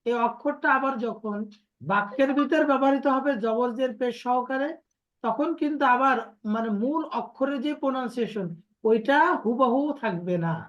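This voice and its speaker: A woman teacher with a fairly high voice leads an online lesson. She explains the pronunciation of letters patiently and drills her students through repetition. The audio is dull and lo-fi, like a call recording. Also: normal speed. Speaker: Quran recitation teacher.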